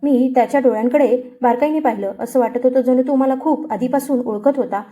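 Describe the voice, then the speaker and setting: Woman with a deep, mellow narrating voice. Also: fairly quick, faint music behind. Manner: sorrowful, earnest. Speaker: storyteller. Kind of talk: first-person dramatic story narration.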